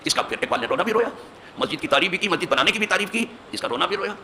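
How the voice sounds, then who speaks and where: Seated at the mosque pulpit, an imam gives a forceful Urdu hadith lesson in a high, animated male voice against slight background noise. Emphasis and rhetorical questions drive his delivery up to forceful climaxes.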